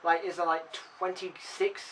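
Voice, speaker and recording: High, bright-voiced guy teasing. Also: little pitch movement, normal speed, recorded from a distance, a little hiss or hum, low-quality recording. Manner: playful, teasing, giggly. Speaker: vlogger. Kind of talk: casual comedic chat.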